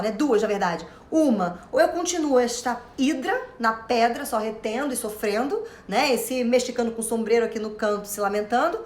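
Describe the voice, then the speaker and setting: A high-pitched woman with a Brazilian Portuguese accent lectures on self-knowledge in a loose, theatrical way, often calling her listeners love and dear. Her voice rings out in a noticeably echoey room. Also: fairly bright tone. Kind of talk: informal motivational lecture.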